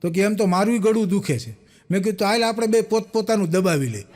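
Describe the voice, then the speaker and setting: A man's voice: sits high, fast talker, a little mellow. A young man telling folksy jokes, acting out the dialogue with laughs. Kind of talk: stand-up joke telling.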